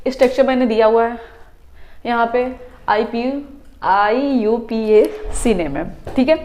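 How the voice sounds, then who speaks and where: A woman's voice: fairly high pitch, a little slow, a little mellow, muffled recording, a little hiss or hum. Woman teacher counting through chemistry steps. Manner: counts step by step, asks students "understand?". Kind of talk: classroom lecture explaining at a whiteboard.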